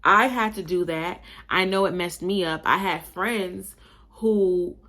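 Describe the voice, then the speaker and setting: Slow and on the low side, this young adult host from Buffalo, New York, runs a casual opinion monologue on her podcast. Her accent carries a slight Southern tinge, and her delivery is animated, emphatic and chatty, with frequent y'alls to her listeners.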